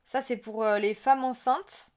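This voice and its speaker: Her voice a little high and her pace a little slow, a streamer gives a relaxed reaction to a game trailer. She rambles excitedly, talking with her audience and reading out their messages.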